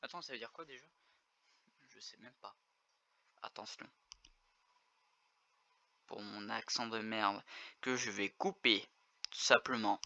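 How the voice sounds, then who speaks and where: A young man casually commenting on videos as a streamer, swearing, joking and exclaiming loudly. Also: fairly low pitch, steady tone, unhurried, long pauses, dry recording, highs cut off. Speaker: gaming streamer reacting to videos.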